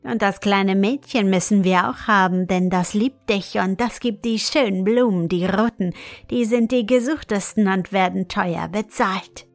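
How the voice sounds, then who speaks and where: A woman's voice: mid-range voice, measured pace, dry recording, faint music behind, close to an everyday voice. A woman reading an evil old wizard. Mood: scheming. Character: evil old male wizard who lures children.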